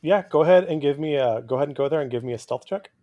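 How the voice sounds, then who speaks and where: A man's voice: a little high, rapid-fire, warm tone, no room sound, dull audio. A man running a tabletop game, narrating and refereeing in an explanatory way with hesitant phrasing. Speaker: game master.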